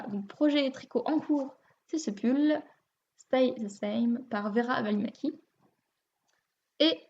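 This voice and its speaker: A woman's voice: fairly high pitch, creaky, a little mellow. A woman with a French accent hosting a knitting video podcast, chatting casually and a bit self-deprecatingly, with many fillers. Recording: muffled lo-fi home recording.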